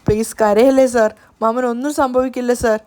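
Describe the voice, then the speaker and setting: A woman's voice: on the high side, steady tone, moderate pace, warm tone, natural voice. A woman reading the lines of a tearful young woman comforting others. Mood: pleading. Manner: pleading and soothing.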